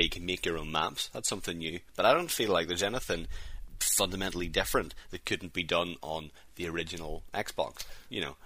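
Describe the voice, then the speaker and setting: A man's voice: deep voice, sharp tone, no room sound. A man co-hosting a casual podcast, giving blunt, scornful opinions. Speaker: podcast co-host. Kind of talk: casual chat.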